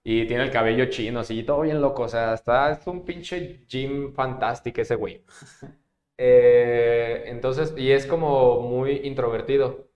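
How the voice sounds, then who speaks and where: A young Mexican man hosts a casual podcast, drifting through long anecdotes peppered with street slang. His voice sits at an ordinary middle pitch. The room around him rings with a noticeable echo. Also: unhurried, a little mellow, highs cut off. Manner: slangy, rambling storyteller. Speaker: podcast host. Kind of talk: casual chat. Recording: echoey room.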